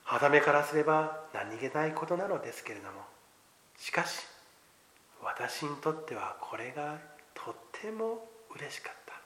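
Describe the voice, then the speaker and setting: A male pastor with a slightly high voice delivers a sermon in an earnest, testimonial manner. He swings sharply between hushed, almost whispered phrases and loud, emphatic lines, with measured pauses between thoughts. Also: big pitch swings.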